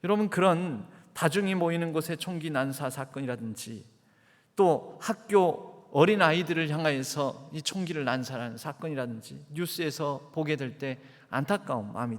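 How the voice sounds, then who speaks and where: A man's voice: on the high side, moderate pace. A man, the pastor, preaching a sermon in a church and asking the congregation questions. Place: church sanctuary. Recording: church hall reverb.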